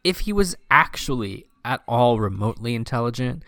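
Gravelly young man, blunt and sarcastic. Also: mid-range voice, expressive, normal speed, fairly bright tone, dry recording, studio quality. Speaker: podcast co-host. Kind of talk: casual chat.

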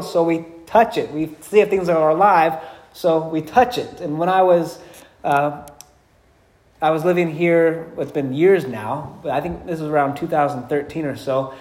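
Echoey storytelling male pastor preaching. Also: a little high. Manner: storytelling, acts out quotes with humor. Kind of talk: sermon. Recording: echoey room.

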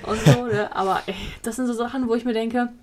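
A young woman co-hosting a casual podcast chat, telling stories in lively colloquial talk and acting out the people she quotes. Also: on the high side, a little fast, a little hiss or hum. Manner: animated storytelling, acting out quoted voices; colloquial, frequent "ne?" tags. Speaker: podcast co-host.

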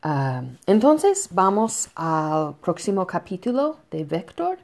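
A woman teaching a Spanish lesson to students, explaining slowly and patiently with soft fillers between points. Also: on the low side, big pitch swings. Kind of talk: recorded online lesson.

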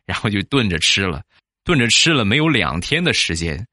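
A man's voice: lowish voice, big pitch swings, brisk, sharp tone, no room sound, studio quality. Chatty man telling funny anecdotes. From Shandong, China. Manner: chatty, asks listeners for agreement. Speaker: comic storyteller. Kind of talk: comic anecdote narration.

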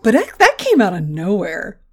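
A woman co-hosting a podcast, recapping a cartoon episode in an animated, joking, profane way. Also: medium pitch, normal speed. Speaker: podcast co-host.

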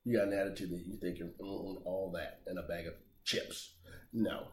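A man preaching a sermon, emphatic and animated, rising and dropping his voice for effect. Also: deep voice, moderate pace, echoey room. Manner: animated, emphatic preaching with big swings in loudness.

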